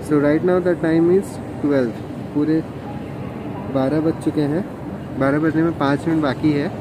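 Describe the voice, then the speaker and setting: An Indian-accented man talks as a casual travel vlogger, his slightly high voice a little muffled through a face mask. He mixes Hindi and English as he explains things. Airport noise is clearly heard behind him. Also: fairly even intonation, takes it slowly. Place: inside a large busy airport terminal. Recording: clearly noisy airport ambience.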